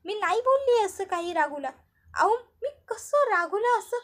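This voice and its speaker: This is a woman doing a frightened young wife from a retold TV serial. Her voice rides very high and tight as she pleads for answers. Every question comes out anxious and insistent. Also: lively intonation, moderate pace, fairly bright tone. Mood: pleading, distressed. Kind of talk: retelling TV serial dialogue.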